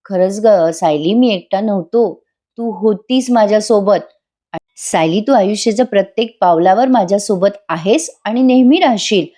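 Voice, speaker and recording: A woman's voice: medium pitch, normal speed, mellow, lightly acted. A woman voicing a teasing injured young husband. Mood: teasing, tender.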